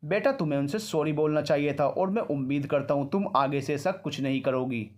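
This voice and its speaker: A man's voice: fairly high pitch, brisk, lightly acted. A man voicing a firm but caring middle-aged father who earnestly reproves his daughter. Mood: reproving.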